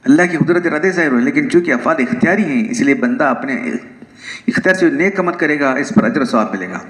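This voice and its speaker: A man's voice: a little high, expressive, reverberant, low-quality recording. A man giving a religious lecture, explaining points with rhetorical questions and the odd amused laugh. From South Asia. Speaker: religious teacher.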